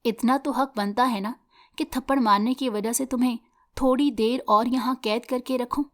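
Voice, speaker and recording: A woman's voice: a little high, steady tone, close to an everyday voice. A woman voicing an arrogant, teasing young man in a story reading. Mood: mocking. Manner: mocking, then pleading.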